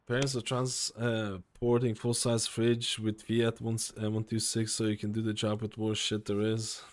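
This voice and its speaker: This young man streams a game with loose, joking commentary, full of rambling, swearing, and plenty of "bro." Yet his low-leaning voice stays completely flat, delivered at a normal pace.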